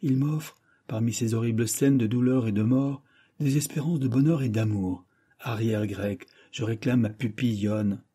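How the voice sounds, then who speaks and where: A man's voice: medium pitch, moderate pace, warm tone, breathy edge, natural voice. A man voicing a stern, scheming villain who gives firm commands in an audiobook. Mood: commanding.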